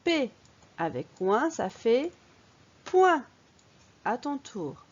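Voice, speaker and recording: A woman teacher with a fairly high, lively voice walks young children through a phonics lesson. She talks slowly and clearly and lifts each key word in a sing-song way. The recording sounds a bit dull and lo-fi. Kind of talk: early-reading phonics lesson.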